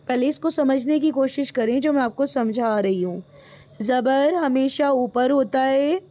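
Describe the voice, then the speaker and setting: A woman's voice: high voice, a little mellow. A woman teaching in a live online class, patiently explaining and repeating each point, then quizzing her students. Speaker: Quran reading teacher.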